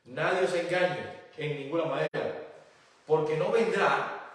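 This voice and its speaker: A man's voice: on the high side, a little slow, a bit bright. A male pastor preaching a sermon, reading scripture aloud and then explaining it with rhetorical questions. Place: church. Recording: very echoey church hall, voice from a distance.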